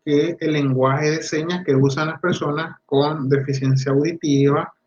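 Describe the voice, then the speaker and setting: A male speech therapist giving a talk to parents, animated and acting out the voices of parents and children as he explains. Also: on the high side, measured pace, a little hiss or hum. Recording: roomy, dull lo-fi audio.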